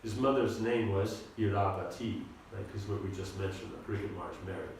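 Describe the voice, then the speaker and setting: A man's voice: fairly low pitch, a little mellow, a little hiss or hum. Lecturing man in an echoey hall. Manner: halting, repeats words, asks the audience to follow. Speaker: spiritual teacher giving a seminar lecture. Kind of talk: informal scripture lecture. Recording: echoey room, recorded from a distance.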